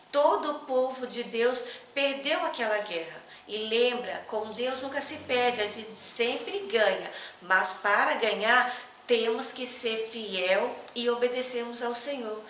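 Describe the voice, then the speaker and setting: A woman's voice: a little high, unhurried, roomy sound, recorded from a distance, slight background noise. A woman with a Brazilian Portuguese accent, teaching children a Bible lesson as a story and asking them questions as she goes. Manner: animated, asks the children questions.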